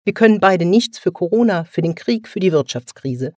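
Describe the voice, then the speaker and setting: A man reading aloud voices a sharp-tongued older sister who mocks and reproaches her brother. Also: high-pitched, expressive, normal speed, dry recording, studio quality, voice pushed up. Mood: scornful. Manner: mocking, reproachful.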